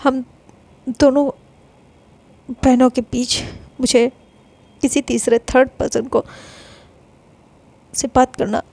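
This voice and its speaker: A hurt older sister who refuses and accuses, stumbling over repeated words, voiced by a woman telling the story. Her voice sits high with a gravelly fry. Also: level tone, darkish tone, no echo, full character voice. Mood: stern. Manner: pleading, accusing, halting repeats. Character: tearful, defiant older sister about to be wed. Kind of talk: dramatized story reading.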